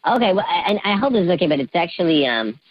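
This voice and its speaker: A man calling in anonymously with a voice changer disguising his voice, telling a story in a hesitant, halting way over the phone. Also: sits high, very animated, no echo. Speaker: anonymous caller. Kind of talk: casual phone-in confession. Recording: dull phone line.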